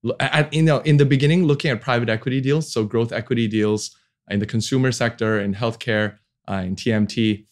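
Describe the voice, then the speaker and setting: His voice is mid-range and brisk: a forties-aged man from Hong Kong who founded a venture capital firm, chatting relaxedly in an interview, often restarting sentences, using many fillers and laughing easily.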